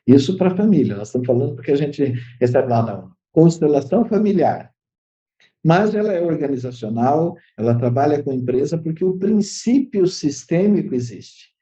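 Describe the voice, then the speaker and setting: A Brazilian man speaks as a therapist guest in an interview, his voice somewhat high and mellow. He explains at length, often pausing on fillers and restarting his sentences. The audio sounds dull and lo-fi. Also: animated. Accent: Brazilian Portuguese. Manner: hesitant, many fillers and restarts.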